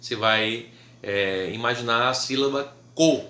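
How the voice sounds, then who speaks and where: Bright-voiced Brazilian harmonica teacher. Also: male voice, mid-range voice, a little slow, reverberant. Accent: Brazilian Portuguese. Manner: patient, checks in with "tá?" and "né?" often. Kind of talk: casual video lesson.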